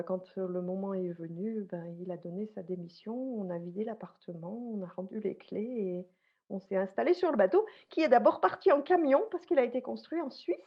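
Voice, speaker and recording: A Swiss-born woman telling her life story as a podcast guest, pausing often with fillers and restarts. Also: mid-range voice, lo-fi sound. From Switzerland. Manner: hesitant, many fillers and restarts. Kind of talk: conversational interview storytelling.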